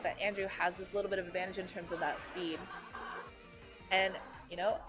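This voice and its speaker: Tired woman casting a game live. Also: medium pitch. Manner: chatty, filler-heavy, quick self-corrections. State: tired, losing her voice. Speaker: esports commentator. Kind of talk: live play-by-play commentary.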